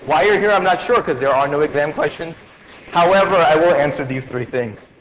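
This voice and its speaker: A man's voice: fairly high pitch, brisk, slight background noise. Chatty male lecturer in a reverberant hall. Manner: conversational, joking, many fillers and restarts. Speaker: medical school lecturer. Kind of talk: farewell lecture to students.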